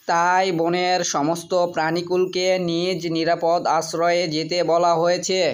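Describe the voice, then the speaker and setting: A man's voice: sits high, smooth. A man playing a young announcer in a cartoon, giving urgent public warnings in a formal, emphatic way.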